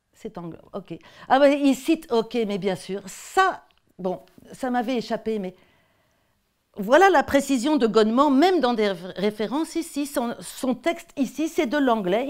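A woman's voice: fairly high pitch, a little mellow. A woman with a French accent giving an academic talk on textbook excerpts, conversational and hesitant, often repeating words. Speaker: lecturer.

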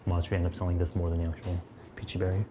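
A makeup artist in his thirties hosts a beauty livestream from a bright studio set, chatting and teasing casually. His low voice is rapid-fire and completely flat, with background noise present.

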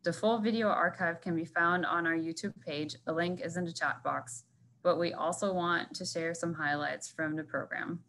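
A woman's voice: on the low side, fairly even intonation, moderate pace, a bit bright, low-quality recording. A woman board member giving an upbeat prepared speech at an online event, from a construction site. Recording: faint construction background noise.

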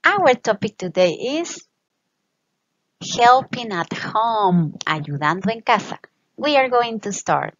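A woman English teacher giving a bilingual lesson for children. She draws out English words slowly and explains quickly in Spanish, often checking in with the children. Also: fairly high pitch, big pitch swings, fairly bright tone, no echo, lo-fi sound.

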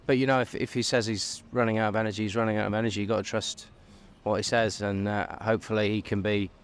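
A man in his forties answering in a street interview in a measured, hesitant way with pauses. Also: lowish voice, flat delivery, slight background noise. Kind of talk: street vox pop interview. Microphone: handheld interviewer's microphone.

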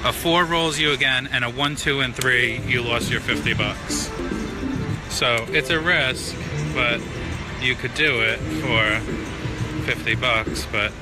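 A man with a mid-range voice talks casually to his viewers while playing slots, explaining as he goes. Loud game music plays all around him on the casino floor. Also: mid-range voice, slow. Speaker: slot machine player and video host. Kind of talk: casual running commentary while gambling. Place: casino floor at a slot machine. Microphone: handheld camera, speaker off screen. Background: loud slot machine music.

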